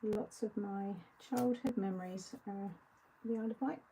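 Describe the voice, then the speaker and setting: Chatty woman with a gravelly voice. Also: mid-range voice, normal speed, dark tone, a little hiss or hum, rough recording. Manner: chatty, reads viewer comments aloud and answers them. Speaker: craft show host. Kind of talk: casual live craft-along chat.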